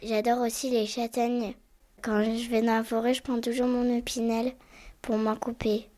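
A woman's voice: on the high side, level tone, normal speed, dark tone. A schoolgirl earnestly reading her prepared answers aloud. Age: child. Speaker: schoolchild correspondent.

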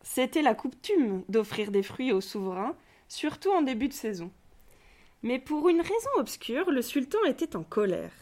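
A woman's voice: high-pitched, moderate pace. A girl reading a folk tale aloud, acting out the quoted speech. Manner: lively, acting out quoted voices. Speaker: tale reader.

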